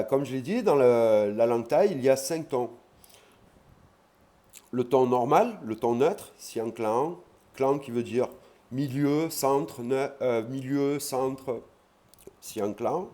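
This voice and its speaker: A man teaching an online language lesson, explaining patiently and repeating key words slowly. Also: medium pitch, mellow.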